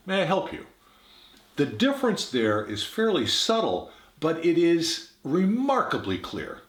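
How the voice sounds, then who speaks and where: Male communication trainer, low voice with lively pitch swings, roomy echo. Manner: demonstrates contrasting tones of voice. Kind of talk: instructional talk to camera.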